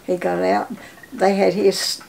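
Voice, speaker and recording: A woman in her nineties with a Southern Appalachian accent, reminiscing casually in a halting, folksy way with repeated words. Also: mid-range voice, flat delivery, creaky, a little mellow. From Appalachia, southern United States. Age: 90s. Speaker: interviewee telling life story. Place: home living room, indoors. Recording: faint background room noise.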